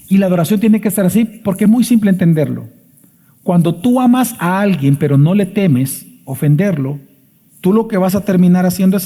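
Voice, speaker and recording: A man's voice: high-pitched, warm tone. A man, a pastor preaching an emphatic sermon full of rhetorical questions in a church sanctuary. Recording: long church reverb.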